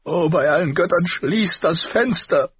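A man reading an audiobook, voicing a grief-stricken noble mother who is crying and pleading in a high, strained voice, on a slightly dull recording. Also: a little slow, husky, dry recording. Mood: anguished. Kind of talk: audiobook character voice.

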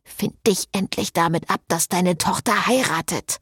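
Audiobook cast note: dry sardonic man, read by a woman, slow delivery, lowered voice. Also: a bit bright, breathy edge, no echo. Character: sarcastic dry-witted man.

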